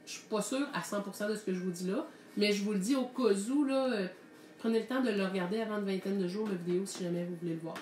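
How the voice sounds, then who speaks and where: A woman's voice: mid-range voice, fast talker, a little mellow, reverberant. A woman with a Québécois French accent teaching a live painting lesson, thinking aloud in a chatty way as she mixes colors.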